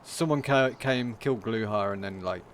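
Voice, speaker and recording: A man streaming a game, talking through it in a casual, monotone commentary. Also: fairly low pitch, moderate pace, slight background noise.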